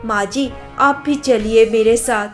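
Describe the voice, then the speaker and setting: A woman's voice: on the high side, unhurried, faint music behind, close to an everyday voice. A woman voicing a carefree cheerful young wife. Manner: lighthearted, dismissive, chatty. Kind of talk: cartoon story voice acting.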